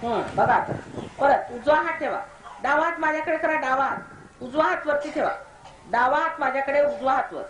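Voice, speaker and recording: A woman's voice: sits high, moderate pace, slight background noise. A woman, a spiritual teacher giving firm, scolding meditation instructions to a gathering. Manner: commanding, scolding. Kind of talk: guided meditation instructions to a crowd. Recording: echoey hall recording.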